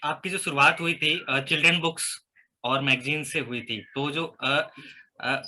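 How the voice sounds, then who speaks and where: A man hosting a talk show, asking polite, halting questions and giving short acknowledgements. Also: on the high side, fairly even intonation, pushed and bright, poor audio. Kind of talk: interview questions.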